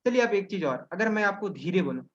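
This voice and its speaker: Male webinar trainer, high-pitched, explaining step by step, rhetorical Q&A style, muffled call audio. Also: animated, fast. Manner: asks himself questions and answers them, with frequent "है ना?" tags. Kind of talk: explanatory teaching talk. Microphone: video call.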